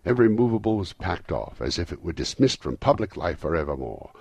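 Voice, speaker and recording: Guy reading a story out loud, husky and low, super expressive. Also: a little fast, no room sound. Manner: lively, rhythmic storytelling. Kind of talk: dramatic storybook narration.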